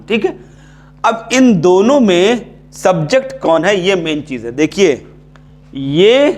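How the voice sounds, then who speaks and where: Higher-voiced Indian man teaching English grammar. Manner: repeats key terms, checks in with "ठीक है". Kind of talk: casual classroom lecture.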